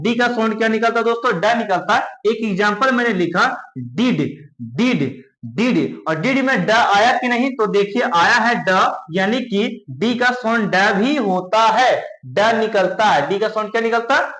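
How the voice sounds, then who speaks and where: High-voiced man teaching English phonics. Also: animated, normal speed, fairly bright tone, roomy sound, rough recording. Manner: repetitive question-and-answer teaching. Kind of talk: spoken English lesson.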